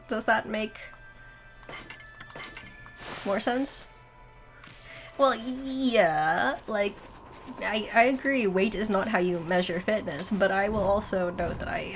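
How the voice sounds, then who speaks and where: A woman's voice: mid-range voice, vocal fry. A woman in her twenties chatting casually while gaming, self-mocking, swearing and laughing often. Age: 20s. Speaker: streamer.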